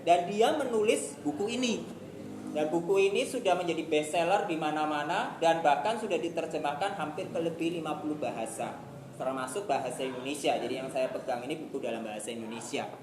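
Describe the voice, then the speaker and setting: A woman's voice: low-pitched, brisk. Chatty woman teacher in an echoey room. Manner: chatty, acts out little scenes with peers. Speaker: youth teacher. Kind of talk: casual classroom teaching. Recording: echoey room with faint noise.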